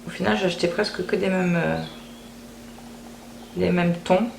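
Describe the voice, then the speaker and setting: With a gravelly, lowish voice, steady tone and moderate pace, a woman talks casually through her beauty haul, frequently repeating words as she thinks out loud. There's some room echo and a faint background hiss.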